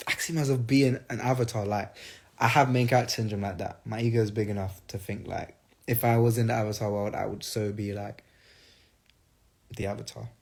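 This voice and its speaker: A man's voice: mid-range voice, a little mellow. A young man casually reading fan questions aloud and answering them on a phone livestream, rambling and playful. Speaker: singer answering fans on a livestream.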